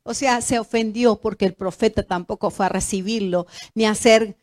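A woman preaching a sermon, animated and direct, swinging from loud exclamations to soft, low asides and asking her listeners questions. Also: moderate pace.

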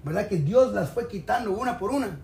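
A man's voice: high voice, lively intonation, brisk, vocal fry, a little mellow. A man preaching a sermon in a colloquial, exhorting way, addressing listeners directly. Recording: echoey room, faint background noise.

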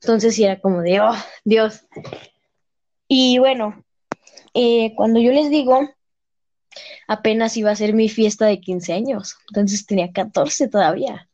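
A young woman with a Mexican accent telling a personal story in an interview, casual and halting, full of fillers. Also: medium pitch, a little mellow. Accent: Mexican Spanish. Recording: slightly muffled lo-fi sound.

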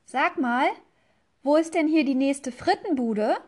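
Woman doing a squeaky young rabbit. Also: a little slow, a little mellow. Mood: curious. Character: young hungry rabbit, curious and chatty.

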